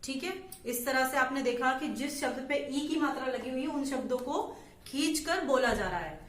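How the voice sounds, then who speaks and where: A female teacher with a high, fairly bright voice gives a Hindi phonics lesson to young children, patiently explaining letter sounds, drawing out syllables slowly, and checking in often with "theek hai". The room is echoey and the mic sits at a distance.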